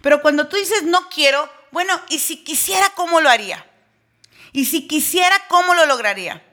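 A woman's voice: high-pitched, animated, fairly quick, bright, forceful tone. A woman coach giving a motivational talk, emphatic and full of rhetorical questions.

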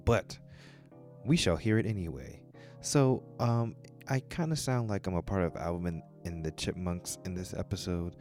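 Male podcast host, low mellow voice, casual chatty intro, direct to listeners, music behind.

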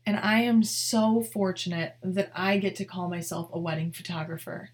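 Young woman, podcast host, heartfelt and earnest, talks straight to listeners, slightly breathy. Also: mid-range voice, steady tone, moderate pace. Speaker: podcast host, wedding photographer. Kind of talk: solo podcast monologue.

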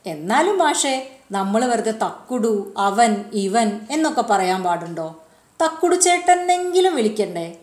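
A woman voicing a curious, excitable young girl who exclaims in wonder. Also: mid-range voice, takes it slowly. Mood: amazed. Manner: wide-eyed, exclaiming. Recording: roomy echo.

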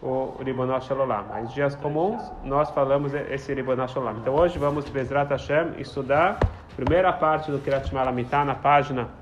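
A man's voice: medium pitch, brisk, few pauses. A man teaching a prayer text to a small group, explaining and telling stories, often repeating his phrases. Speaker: Torah teacher. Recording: slightly dull, faint background noise.

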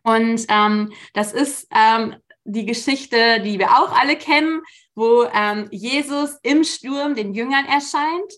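Woman, 30s, church speaker, casual devotional talk, slightly higher voice, easygoing with lots of fillers. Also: slow pace. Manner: colloquial, relaxed, frequent "ähm" fillers.

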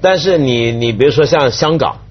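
A man's voice: mid-range voice, expressive, normal speed, slightly rough, highs cut off. A man giving casual, explanatory commentary as a panelist on a talk show.

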